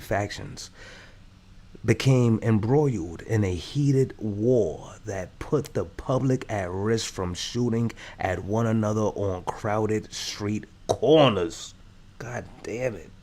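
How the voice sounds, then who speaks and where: A man's voice: fairly low pitch, dark tone. A man giving slangy, laid-back commentary while reading a news story aloud. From Brooklyn, New York. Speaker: commentary host.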